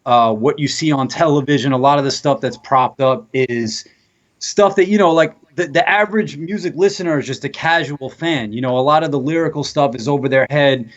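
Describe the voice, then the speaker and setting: A man in his thirties, a guest in a casual chat, talking in a measured way with a lot of fillers. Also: medium pitch, muffled recording. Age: 30s. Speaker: guest rapper.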